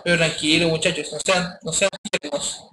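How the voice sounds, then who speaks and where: A man with a slightly high voice, fairly even intonation, and a moderate pace teaches a live programming class. He talks casually, addresses students directly, and checks in with them often. The classroom sounds echoey, with faint noise.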